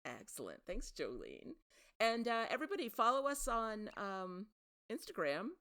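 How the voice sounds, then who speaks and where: A woman's voice: a little high, big pitch swings, moderate pace, bright, forceful tone, clear, resonant tone. A woman hosting a podcast, chatting casually and sharing trivia with a self-deprecating manner. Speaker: podcast host.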